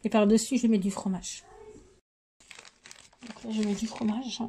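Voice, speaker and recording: A woman with a hoarse, sore throat, casually talking through her buffet recipes and table decor, hesitating often with fillers. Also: mid-range voice, steady tone, a little slow, dark tone, a little hiss or hum. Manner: chatty, hesitant with many fillers. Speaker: home cooking vlogger. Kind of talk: casual cooking and decor walkthrough.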